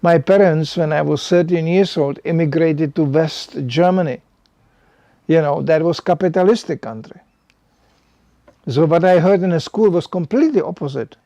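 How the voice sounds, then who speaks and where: Older guy giving a chatty sermon, says you know a lot, kinda high but mellow voice, dry sound. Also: moderate pace, no echo. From Czechoslovakia. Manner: conversational, animated, frequent "you know". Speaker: preacher. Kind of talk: sermon to a small gathering.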